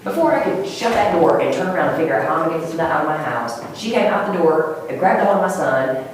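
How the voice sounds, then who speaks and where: A woman with a slightly low voice gives rambling, emotional courtroom testimony, rushing her words quickly and filling them with fillers while staying very animated. A distant mic captures her in a very echoey, noisy courtroom.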